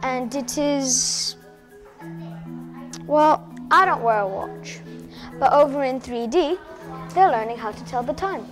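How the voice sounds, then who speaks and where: A woman's voice: high-pitched, takes it slowly, long pauses, music in the background. A woman guiding visitors through classrooms, friendly and explanatory. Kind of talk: school tour commentary.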